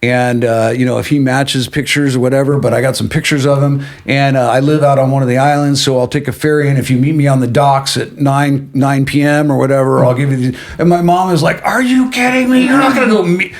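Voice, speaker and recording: Animated man telling his story. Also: mid-range voice, brisk, hardly any pauses. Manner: animated, acts out quotes of others. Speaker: interview guest. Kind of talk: storytelling in a casual interview.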